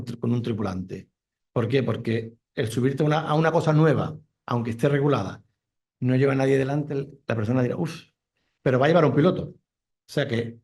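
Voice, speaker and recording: A man's voice: medium pitch, a little fast, darkish tone. Enthusiastic man giving a conference talk. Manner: enthusiastic, explains with examples. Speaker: speaker, commercial airline pilot. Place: lecture room.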